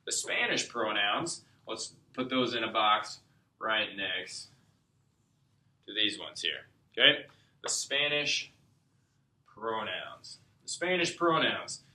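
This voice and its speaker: Recorded in an echoey room, a Spanish tutor whose voice runs on the low side, pushed and bright, teaches a language lesson one step at a time. He explains patiently and keeps asking "okay?" as he goes.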